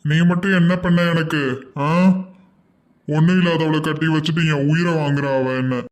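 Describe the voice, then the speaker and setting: A man's voice: on the high side, steady tone, fairly quick, close to an everyday voice. A man voicing a strict, hot-tempered young husband in a Tamil cartoon, with a stern, scolding way of talking. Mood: drunk angry.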